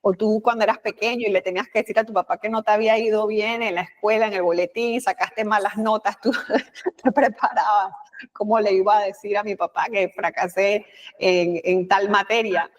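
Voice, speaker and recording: Animated Panamanian woman guest. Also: mid-range voice, normal speed. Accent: Panamanian Spanish. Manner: animated, expressive, with frequent filler words and quoted asides. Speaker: guest, communication expert. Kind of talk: conversational interview.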